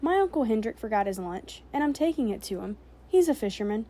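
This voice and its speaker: A woman voicing a quick-witted, stubborn young girl in a storybook reading, with a raised, chattering voice. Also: fairly high pitch, big pitch swings, warm tone. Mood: chatty.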